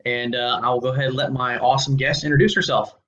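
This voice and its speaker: Bright-voiced male podcast host. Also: mid-range voice, fast, low-quality recording. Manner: relaxed and friendly, with many fillers and restarts. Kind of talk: casual interview conversation. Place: indoor home studio room. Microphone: large studio mic on a boom arm.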